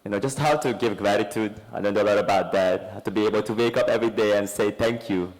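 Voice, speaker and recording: A man from Hungary gives a brief testimony in plain, grateful words, pausing here and there. His voice sits low. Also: music in the background, low-quality recording. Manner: simple, grateful, slightly halting. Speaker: church member giving testimony. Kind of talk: short personal testimony.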